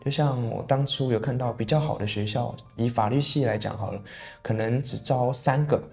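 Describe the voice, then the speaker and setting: A man's voice: medium pitch, normal speed, vocal fry, faint music behind. Young Taiwanese man in easygoing chat. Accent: Taiwanese Mandarin. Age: young adult. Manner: relaxed, easygoing, frequent "对" affirmations. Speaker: podcast co-host. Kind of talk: casual chat.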